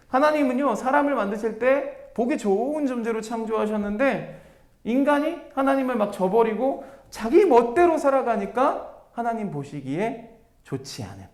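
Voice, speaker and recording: A man teaching a Bible passage to viewers, animated and firing rhetorical questions at them. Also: sits high. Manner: addresses listeners directly as everyone. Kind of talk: Bible teaching to a video audience.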